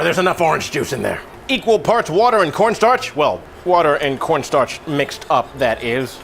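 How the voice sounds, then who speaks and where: A man hosts a casual cooking tutorial, rambling in an offhand, self-deprecating way and trailing off into asides. His voice sits high and is a bit bright, with slight background noise.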